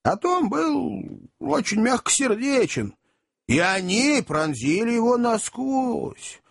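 Husky, lively male storyteller. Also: very high-pitched, takes it slowly. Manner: chatty first-person storyteller addressing gentlemen. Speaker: audiobook narrator. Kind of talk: expressive audiobook storytelling.

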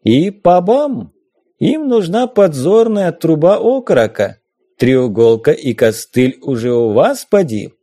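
A sly ghost pirate pushes his point in a raised sing-song voice, as a man reading the book puts him on. He talks slowly and lifts his pitch well above a man's usual. It is an audiobook figure. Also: very animated, dark tone, dry recording, clean studio sound, full character voice.

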